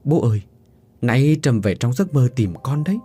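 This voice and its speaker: An earnest young man in a spoken ghost story, asking anxious questions with a lively lilt, as the narrator voices him. The tone is dark and a little husky. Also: medium pitch, moderate pace, faint music behind. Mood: earnest worried. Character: young man, anxious boyfriend of the dead girl.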